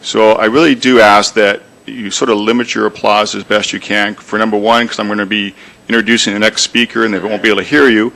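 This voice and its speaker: Low-voiced man making a polite appeal. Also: little pitch movement, a little fast, vocal fry, sharp tone, low-quality recording. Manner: polite, earnest appeal with small restarts. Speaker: county supervisor. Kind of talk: addressing a public hearing. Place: crowded public meeting room.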